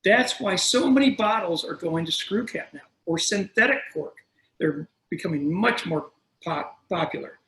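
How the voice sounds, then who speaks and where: A man's voice: high voice, expressive, normal speed, a bit bright, roomy sound, a little hiss or hum, low-quality recording. A middle-aged man who runs a wine shop, hosting a video-call tasting in a casual, chatty way, telling stories and correcting himself as he goes. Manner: chatty, storytelling, self-correcting. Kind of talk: casual explanatory talk.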